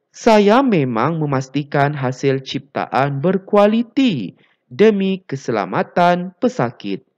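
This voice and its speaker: A teacher reading the part of a modest male welder who invented a bed, in a plain, steady explanatory manner. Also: medium pitch, muffled recording.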